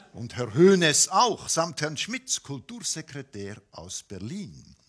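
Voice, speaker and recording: A man's voice: on the high side, sharp tone. A man from Switzerland, delivering a satirical cabaret monologue on stage in an ironic, mock-polite manner. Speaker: cabaret performer.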